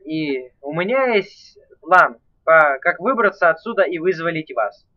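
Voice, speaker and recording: A man's voice: fairly high pitch, animated, measured pace, muffled recording. A man acting out and narrating an improvised video game skit.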